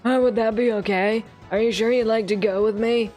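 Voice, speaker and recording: A woman puts on the voice of a very old man, a gentle teacher from a visual novel. He is timid and easily disheartened. His delivery is hesitant and mournful. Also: on the high side, steady tone, brisk, soft background music, natural voice. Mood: shy. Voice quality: very old man's voice. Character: sleepy, timid male teacher with old man voice, frail, gloomy. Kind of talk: visual novel character reading.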